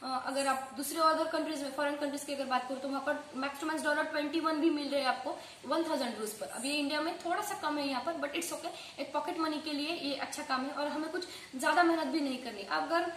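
Woman tutorial host, quick casual patter with English phrases mixed in, high voice, roomy echo. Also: fairly even intonation, a bit bright. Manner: fast-talking, mixing English phrases into her speech. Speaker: online earning tutorial host. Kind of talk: casual tutorial talk to viewers. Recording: echoey room with faint background noise.

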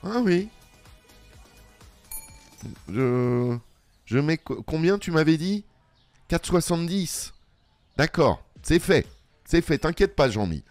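A let's play gamer with a fairly high, very animated voice plays a shop game, improvising as a cashier who chats with customers and talks back playfully to an unheard boss. He takes it slowly and pauses often, with no room sound and faint music behind him.

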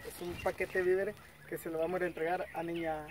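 A man's voice: on the high side, little pitch movement, quick pace, far from the mic, slight background noise. A young man chatting and joking as a vlogger, outdoors in a rural yard. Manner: joking, thanks God and the audience. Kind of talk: casual chat.

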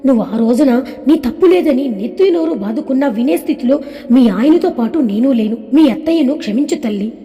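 A wronged young wife, as a woman narrator voices her, pleading and tearful, in a high voice with a mellow tone. The storybook reading carries a long hall reverb. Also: expressive, brisk. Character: grieving young wife, hurt but composed.

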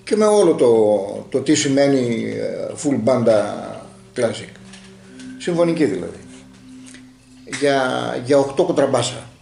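Lively gravelly man telling a story. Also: mid-range voice, roomy sound, faint music behind. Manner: animated storyteller, acting out quoted dialogue. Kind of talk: casual storytelling in a group talk.

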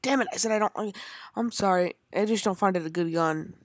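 A young woman hosting a gaming channel rambles chattily while playing a video game, talking both to herself and her viewers. Her mid-range voice moves fairly quickly, and the clean studio recording has no room sound.

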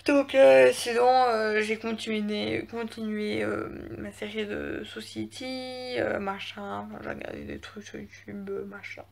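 A woman's voice: fairly high pitch, gravelly. A teenage girl, chatting casually in a home vlog, rambling with lots of fillers and hesitations. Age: teens. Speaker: vlogger. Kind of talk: casual chat. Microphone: phone camera.

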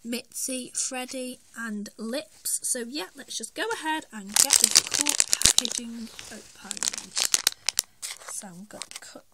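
A woman doing an excited toy unboxing review, who talks eagerly and squeals when she finds something new. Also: on the high side, slow pace. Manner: excitable, squeals names of toys. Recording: loud background noise, packaging crinkling.

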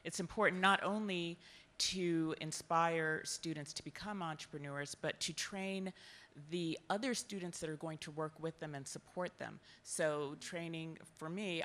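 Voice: medium pitch, a bit bright. A panelist on a conference stage adding an earnest point in a large hall. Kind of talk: panel discussion.

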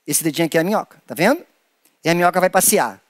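A Brazilian man leads a playful children's lesson, his voice pitched high for a man. He bounces through a wide, sing-song range. The sound is close and dry, with no room around it. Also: rapid-fire, no room sound. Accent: Brazilian Portuguese. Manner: animated, playful, acts out creatures in squeaky high voices. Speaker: children's performer leading a hand-play workshop.

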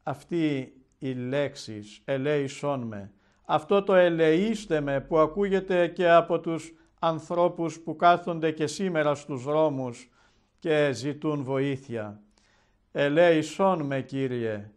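A man, an Orthodox bishop, preaching a televised Gospel sermon in a measured, solemn storytelling manner. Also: fairly high pitch.

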